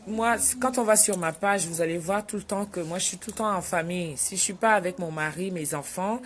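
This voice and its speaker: Brief: middle-aged woman live-streaming from home, chatty and lively, reads out viewer names. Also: lowish voice, a little fast, a little hiss or hum. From Cameroon. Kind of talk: casual live chat reading viewer comments.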